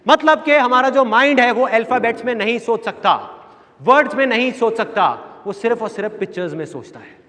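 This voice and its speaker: A man's voice: extremely high pitch, brisk, sharp tone. A man giving a motivational seminar talk, telling stories and acting out the voices of people in them, repeating his key phrases. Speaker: motivational speaker. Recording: long hall reverb, faint audience.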